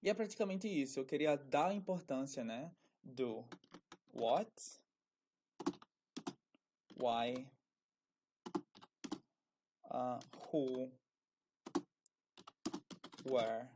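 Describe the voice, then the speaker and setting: A man teaching a casual online English lesson, talking in a slow, halting way and often repeating words. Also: mid-range voice, noisy background.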